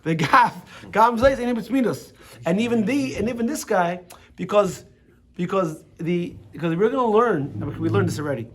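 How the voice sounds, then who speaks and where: A man's voice: high-pitched, lively intonation, normal speed. A man teaching a religious class as rabbi, chatty and full of restarts and asides. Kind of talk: Torah lesson with casual storytelling. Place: classroom with students.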